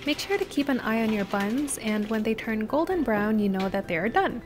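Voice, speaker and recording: A woman host calmly narrating a baking recipe step by step as a voice-over. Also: fairly high pitch, normal speed. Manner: steady step-by-step instructional delivery. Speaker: cooking channel host. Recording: voice-over with music behind.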